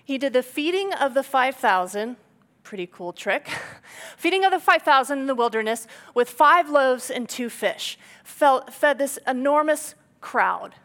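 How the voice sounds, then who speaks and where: Animated woman preaching a playful sermon. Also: high voice, measured pace. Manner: playful, animated storytelling with acted quotes. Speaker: pastor. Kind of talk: conversational sermon.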